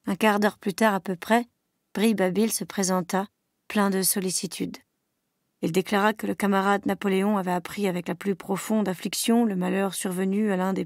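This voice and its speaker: A woman teacher reading a novel aloud in a steady, even storytelling manner. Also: mid-range voice, no echo, studio quality.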